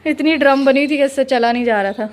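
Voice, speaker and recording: A woman's voice: high-pitched, fast talker, very noisy. A young woman, chatting casually in a family vlog, often teasing and scolding the children around her. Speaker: family vlogger. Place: home and rooftop, outdoors at times.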